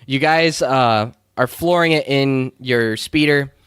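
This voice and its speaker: A man's voice: mid-range voice, slow, a bit bright, smooth, dry recording, clean studio sound. A man narrating as game master, describing scenes with frequent ums and uhs. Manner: descriptive with many fillers.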